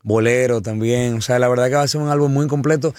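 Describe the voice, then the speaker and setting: A man's voice: medium pitch, steady tone, fast talker, a little mellow, no echo. A man, a singer, chatting eagerly in an interview, often repeating and restarting words. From Dominican Republic. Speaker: singer guest. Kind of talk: casual interview chat.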